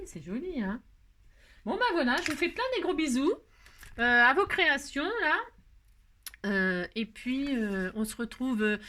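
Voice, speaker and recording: A French woman hosting a crafting tutorial, chatting casually to viewers as she works, humming little tunes and scolding herself over slips. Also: fairly high pitch. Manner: chatty, talks to herself while working, hums little nonsense tunes; expressive, scolds herself when upset. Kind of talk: casual live crafting chat.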